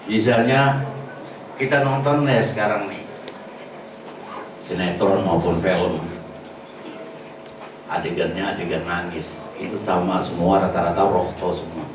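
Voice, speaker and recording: A man's voice: low-pitched, fairly even intonation, a little slow, pauses often. A man teaching an acting workshop, explaining vocal technique and demonstrating single words with shifting intonation. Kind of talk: lecture to a workshop. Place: large room at a workshop. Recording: echoey room recorded from a distance with background noise.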